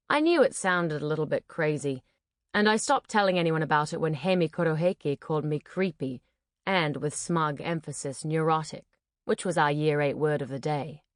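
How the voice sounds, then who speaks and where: A woman reading a first-person novel aloud as an audiobook narrator, clear and expressive in her storytelling. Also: sits low, no room sound, studio quality.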